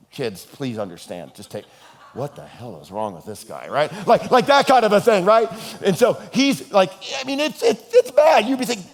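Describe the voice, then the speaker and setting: This is a man delivering a sermon from the pulpit, his voice sitting somewhat above the usual male range. He is a playful, joking storyteller, and he keeps things animated, moving between quiet asides and loud, energetic bursts. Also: sits high. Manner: playful storyteller, jokes and horses around; animated and expressive, swinging between hushed and loud. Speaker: pastor.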